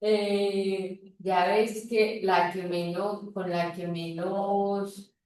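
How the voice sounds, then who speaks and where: A woman's voice: mid-range voice, flat delivery, very slow, darkish tone. A woman student sharing hesitantly in a group, restarting her phrases. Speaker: yoga student. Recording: very echoey, distant from the mic, faint background ambience.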